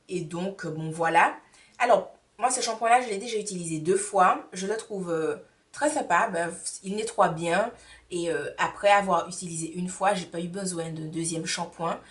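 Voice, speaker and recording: A woman's voice: fairly low pitch, far from the mic. A woman beauty vlogger reviewing products in a casual, rambling chat full of hesitations and fillers.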